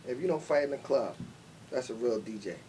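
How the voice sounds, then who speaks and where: Streetwise New guest promoter. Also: male voice, a little fast, mellow. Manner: streetwise slang, boastful, repeats "you know". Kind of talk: casual interview chat. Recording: distant mic with faint rumble.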